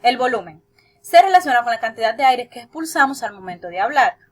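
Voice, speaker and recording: A young woman in training to teach presents to her class in a steady, explanatory way. Her voice sits a little high, and she stops for brief hesitant fillers between points. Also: fast talker.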